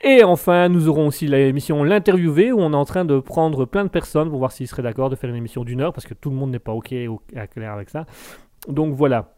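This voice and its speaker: A man's voice: on the high side, fairly quick, a little mellow. A man hosting a live stream, reading out viewer messages in a jokey, rambling way with many restarts.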